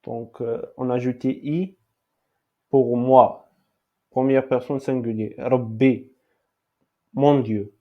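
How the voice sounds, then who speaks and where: Very slow, hesitant male language teacher. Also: mid-range voice, steady tone, dull audio. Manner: hesitant, many fillers and restarts, repeats each word several times. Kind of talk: slow explanatory lesson with repeated example words.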